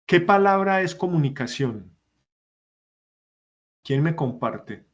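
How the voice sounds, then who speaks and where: In an online class lecture, a man walks his students through the material step by step and asks them questions. His voice sits on the high side with lively intonation, and he speaks slowly. The audio is dull.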